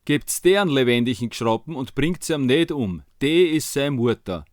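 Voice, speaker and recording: A man acts out a commanding king from a tale told in Viennese German. He gives judgment bluntly in broad dialect. The pitch is medium and the sound is dry. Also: animated, moderate pace, dry recording, natural voice. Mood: decisive. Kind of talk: acted dialogue in dialect storytelling.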